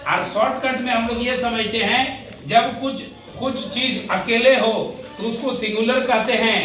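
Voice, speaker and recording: A man's voice: very high-pitched, measured pace, pushed and bright. A man teaching a grammar lesson, who asks questions and answers them himself and repeats each point. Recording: echoey room, voice from a distance.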